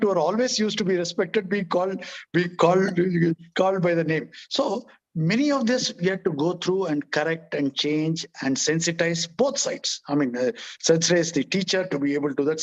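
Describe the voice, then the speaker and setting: A man with an Indian English accent, an entrepreneur telling stories in an interview, who repeats words, restarts and often adds "okay, right?". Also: a little high. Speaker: entrepreneur guest. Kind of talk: conversational storytelling in an interview. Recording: dull lo-fi recording.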